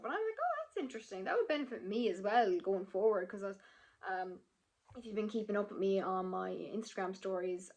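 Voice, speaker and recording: A woman's voice: medium pitch, a little mellow, low-quality recording. Chatty young woman vlogging. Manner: chatty and emotional, lots of fillers. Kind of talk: casual chat to camera.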